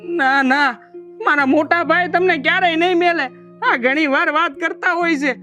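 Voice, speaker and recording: A performer playing a lovesick young village brother-in-law, pleading and whiny. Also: male voice, very high voice, moderate pace, sharp tone, soft background music. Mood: coaxing.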